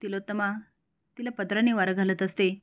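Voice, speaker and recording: A woman narrating a spoken recap of a TV serial in a steady, plain way. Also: medium pitch, brisk.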